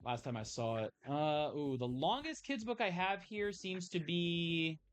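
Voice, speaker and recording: A man's voice: fairly high pitch, lively intonation, measured pace, clear, resonant tone. A man hosting a game video, chatting casually and thinking aloud as he plays. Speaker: gamer host. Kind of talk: casual gameplay commentary.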